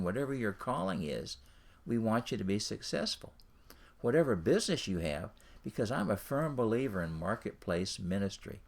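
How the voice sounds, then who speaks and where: Speaking straight to the listener, a man who coaches in ministry and business delivers a casual how-to talk, repeating himself as he goes. He has a creaky, medium-pitched voice.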